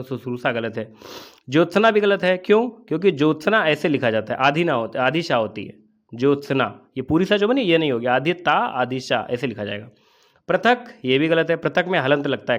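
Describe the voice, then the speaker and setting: Man, slightly high voice, exam coaching teacher, asks then answers own questions. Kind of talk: explaining test answers.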